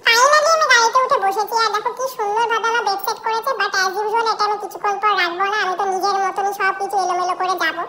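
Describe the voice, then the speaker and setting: A bubbly young pet dog chatters about its first trip in an extremely high, squeaky voice. It tells its story at a quick, tumbling pace, like a playful pet-vlog narrator. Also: female voice, fairly even intonation, bright, forceful tone, slight background noise. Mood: excited.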